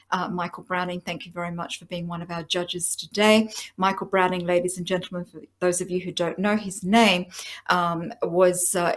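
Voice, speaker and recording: A woman hosting a live awards presentation, effusive and affectionate toward the winners. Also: lowish voice. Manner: effusive, calls people "my girl" and "darling". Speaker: host announcing winners.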